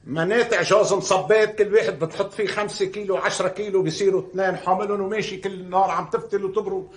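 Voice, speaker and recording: A man's voice: high-pitched, steady tone, reverberant, lightly acted. An actor playing a fatherly neighborhood man with a Lebanese accent, lecturing and scolding. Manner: advising, scolding, fast-talking. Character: Abu Salim, advising neighborhood elder man.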